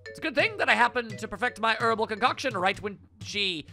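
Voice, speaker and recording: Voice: medium pitch, lively intonation, brisk, bright, forceful tone, soft background music, voice pushed up. A video game player voicing a crazy old male herbalist, feigning madness with giggles and doubled phrases. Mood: gleefully crazed. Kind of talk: reading video game dialogue in character.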